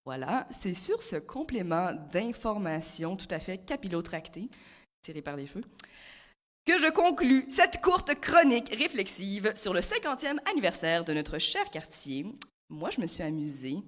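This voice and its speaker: A woman's voice: mid-range voice, sing-song, moderate pace, a bit bright. A 26-year-old woman with a Franco-Ontarian accent delivering a playful, rhyming comic chronicle full of wordplay. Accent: Franco-Ontarian French. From Ontario, Canada. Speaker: comic columnist. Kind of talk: humorous rhyming spoken chronicle.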